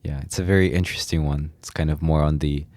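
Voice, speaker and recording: A man's voice: extremely low pitch, steady tone, fast talker, a little mellow, dry recording. A man co-hosting a music radio show, chatting in a laid-back way about the track he picked, with lots of "you know" and "like". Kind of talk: casual music radio chat.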